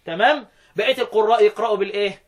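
An Egyptian man teaching Quran recitation, quizzing his students and slowly chanting verse lines between his explanations. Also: high voice. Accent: Egyptian Arabic. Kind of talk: interactive classroom lesson.

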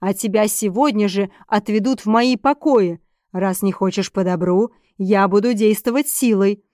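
A woman's voice: mid-range voice, moderate pace, warm tone, no room sound, clean studio sound, natural voice. Woman voicing a domineering angry duke. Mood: raging. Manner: bellowing, bullying tirades. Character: powerful middle-aged duke, furious and domineering.

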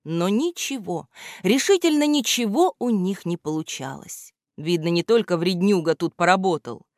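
A woman narrates a children's storybook with lively, expressive reading. Her pitch moves a lot, and the recording is dry and close to the mic. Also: moderate pace, no echo.

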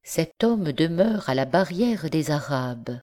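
A woman's voice: deep voice, expressive, takes it slowly, dark tone. A woman voicing an ambitious young nobleman scholar who speaks courteously but insistently. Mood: persuasive. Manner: courteous, then urgent and driven.

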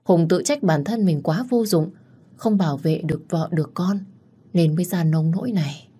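A woman's voice: on the low side, normal speed, warm tone, husky. A woman narrating a dramatic story as a storyteller.

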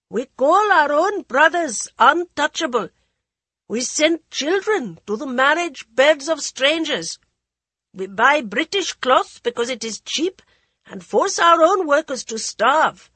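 A woman voicing a frail elderly male freedom leader who addresses a crowd with impassioned oratory in a high, nervous voice. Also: a bit bright, dry recording. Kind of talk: audiobook character voice.

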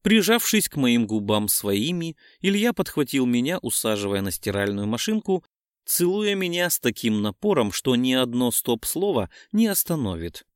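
A man reading a first-person romance novel aloud as an audiobook, in a smooth, lively narration. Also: medium pitch, moderate pace, no room sound, clean studio sound.

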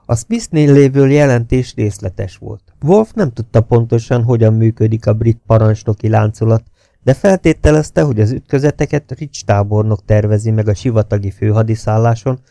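A man reading a novel aloud as an audiobook, telling it in a measured, steady way that drops to hushed tones. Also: mid-range voice, dry recording, clean studio sound. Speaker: audiobook reader. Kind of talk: scripted novel narration.

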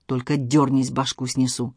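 A man's voice: mid-range voice, flat delivery, normal speed, husky, no room sound, studio quality. A man doing a furious, desperate cop. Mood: hostile. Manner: shouting, swearing, desperate. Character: enraged male police officer, frantic and threatening.

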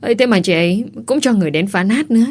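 A woman's voice: medium pitch, expressive, rapid-fire, a little mellow, close to an everyday voice. Woman voicing a defiant young woman. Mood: complaining. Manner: indignant, tearful complaining.

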